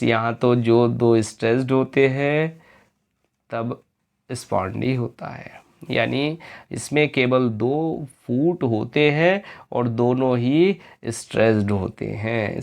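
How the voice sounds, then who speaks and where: A male teacher in an exam-prep lecture who speaks at an unhurried, measured pace. His voice has a gravelly, creaky edge. He drags out English definitions and keeps checking whether his students have followed. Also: mid-range voice, a little mellow. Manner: slow, drawn-out reading of English definitions, quizzing questions to students; repeatedly asks "clear friends?".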